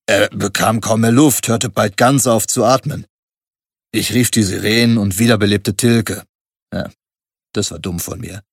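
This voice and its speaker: A gruff barkeeper, voiced by a male narrator, telling a grim story in a blunt, matter-of-fact way. His voice sits low and dry, close to the mic. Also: no echo. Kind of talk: first-person account in an audiobook.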